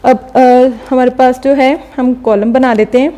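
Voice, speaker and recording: A woman teacher explaining a recorded lesson step by step, often pausing to check understanding. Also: high voice, steady tone, mellow. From Pakistan. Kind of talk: recorded classroom lecture.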